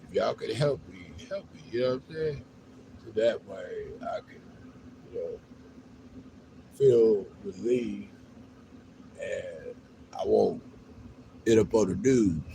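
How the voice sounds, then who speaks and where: An American man talking casually to viewers in a halting, repetitive, rambling plea, outdoors on a street. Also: fairly low pitch, creaky. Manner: halting, repetitive, with frequent 'you know'. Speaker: livestreamer appealing to viewers for help. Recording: noisy outdoor street, uneven level.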